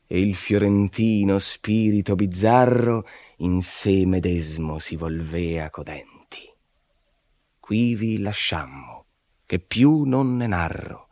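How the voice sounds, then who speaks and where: A man's voice: sits low, slow, a little mellow, dry recording. A man giving a dramatic, declamatory recitation of epic poetry, rising and falling in intensity. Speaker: reader.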